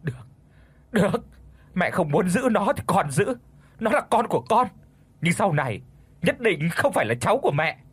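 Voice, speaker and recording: A man voicing a frightened young pregnant wife in an audio storybook, with a trembling, tearful, pleading manner and a husky tone. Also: sits high, sing-song, moderate pace, pauses often, dry recording, pitched above the performer's own voice, exaggerated voice. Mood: anguished anger.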